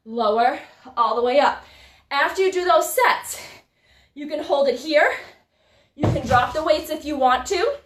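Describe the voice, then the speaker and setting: A woman's voice: high voice, animated, unhurried, long pauses. Breathless woman coaching a live workout. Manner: upbeat coaching, chatting with viewers. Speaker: fitness instructor. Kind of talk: live-streamed workout instruction. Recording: echoey room, voice from a distance.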